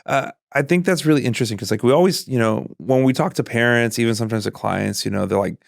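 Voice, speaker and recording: A man's voice: mid-range voice, fast talker, vocal fry, no room sound, clean studio sound. A man hosting a casual podcast interview, rambling and restarting his sentences, often laughing. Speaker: podcast host.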